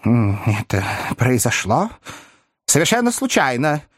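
A man voicing a timid, frightened gentleman who trembles and stammers in a classic novel audiobook. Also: mid-range voice, very animated, dry recording, studio quality. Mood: flustered. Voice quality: stammering, halting. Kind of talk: audiobook character reading.

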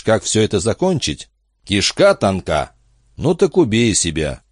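A man's voice: low-pitched, no room sound, clean studio sound. A man voicing the sardonic inner voice of a bitter, worn-out man tearing himself down in a storybook reading. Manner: sardonic, self-lacerating inner voice.

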